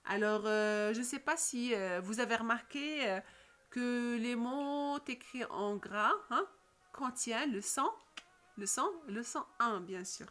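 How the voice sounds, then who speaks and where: A woman teaching a phonics lesson to children, patient and repetitive, often checking with a quick question. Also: on the high side, a bit bright. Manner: slow, patient, repeats questions and checks with "d'accord?".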